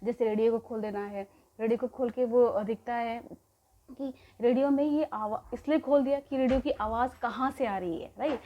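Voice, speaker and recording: A woman's voice: fairly high pitch, normal speed, lo-fi sound. A woman giving a recorded lecture as a teacher, talking hesitantly with many fillers and slipping English terms into her speech.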